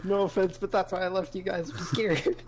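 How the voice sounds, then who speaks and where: A man's voice: high voice, level tone, a little fast, a crowd in the background. A man chatting casually while playing a group game, nervous and joking, laughing often. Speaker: player in a group game video. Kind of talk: casual gaming chat.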